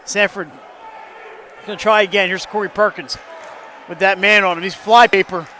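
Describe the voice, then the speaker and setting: A man calling live high school basketball play-by-play, quick and jokey, his voice jumping up on big plays. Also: fairly even intonation, pushed and bright, a little hiss or hum. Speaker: play-by-play announcer.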